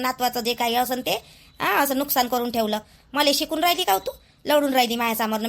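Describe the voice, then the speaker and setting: A woman playing a harsh, scolding middle-aged mother-in-law in a village family drama, speaking. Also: high-pitched. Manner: scolding, sharp and mocking.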